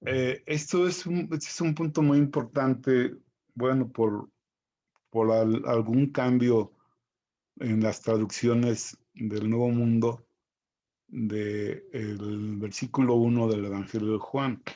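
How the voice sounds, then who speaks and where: A man teaching a recorded Greek vocabulary lesson, spelling out each pronunciation slowly and carefully. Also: medium pitch, steady tone, mellow, highs cut off.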